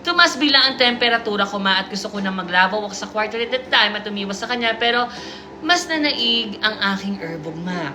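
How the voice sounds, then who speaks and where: Woman host, reading a listener story aloud, playful teasing asides, mid-pitched voice, music playing behind. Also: animated, a little fast. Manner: playful, teasing asides and giggles between passages. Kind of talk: reading a submitted confession aloud with live commentary.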